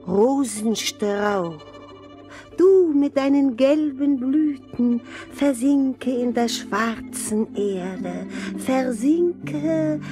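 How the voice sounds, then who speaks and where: An actress playing a lonely, possessive old sorceress in a fairy-tale audio drama, with drawn-out, incantatory delivery. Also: female voice, high-pitched, heavily acted. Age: older. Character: lonely old sorceress woman, sweetly possessive, not evil.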